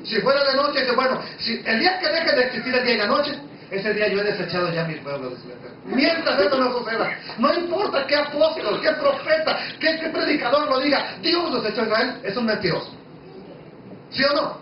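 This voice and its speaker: A man's voice: very high-pitched, animated, a little fast, heavy reverb, recorded from a distance, dull audio, slight background noise. A man preaching a Bible study, emphatic and conversational, who keeps asking his listeners questions.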